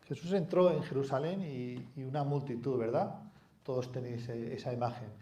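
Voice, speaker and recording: A man's voice: medium pitch, normal speed, dark tone. A man from preaching a sermon in a conversational way, asking the congregation rhetorical questions and adding asides. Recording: echoey hall.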